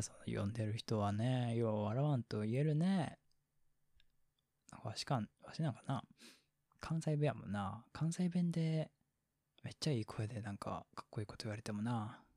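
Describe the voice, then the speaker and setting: Male, Kansai accent, husky mid-pitched voice, whispered role-play chat as a boyfriend, rambling and self-amused, dry close mic. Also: moderate pace, long pauses, darkish tone, no echo. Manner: rambling, laughs often, half-whispered asides. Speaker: boyfriend in a situation voice.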